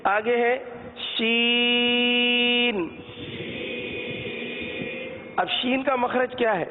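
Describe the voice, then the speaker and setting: High-voiced man teaching letter sounds. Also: big-room sound, narrow, tinny audio. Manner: explains patiently, drawing out letter sounds slowly. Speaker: Quran recitation teacher. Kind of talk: religious lesson on letter pronunciation.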